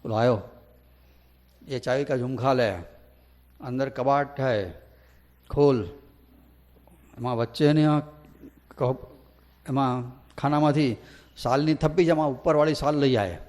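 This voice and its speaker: A man with a Gujarati accent giving a devotional discourse. He chants verses slowly and then tells saint stories, acting out the characters' lines. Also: mid-range voice, darkish tone. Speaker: religious storyteller.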